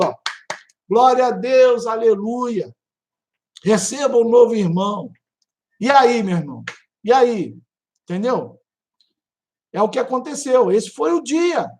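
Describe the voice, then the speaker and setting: Carioca guy preaching his testimony live, animated storyteller, keeps calling people brother and sister. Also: very high voice. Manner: animated storytelling, imitating a pounding heartbeat; direct address to listeners as brother and sister. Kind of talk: live-streamed testimony sermon.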